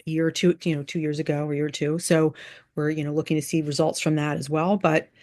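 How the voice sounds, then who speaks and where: This woman, chairing a school board meeting over video, speaks informally and thinks out loud in a halting manner, circling back on the same phrases. Her low-pitched voice has a darkish tone and a flat delivery.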